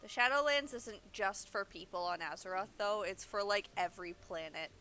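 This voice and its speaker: A woman game streamer offers casual, rambling live commentary, explaining the story as she plays. Her mid-range voice has a sharp tone and normal speed, and she often breaks off to restart her thought in an informal, self-interrupting way.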